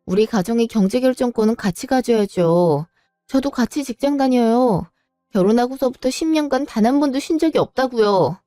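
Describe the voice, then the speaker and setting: A woman's voice: fairly high pitch, lively intonation, normal speed, warm tone, no room sound, clean studio sound, soft background music. A woman narrating and voicing a wife in a dramatic story reading, firm but polite in her pleading.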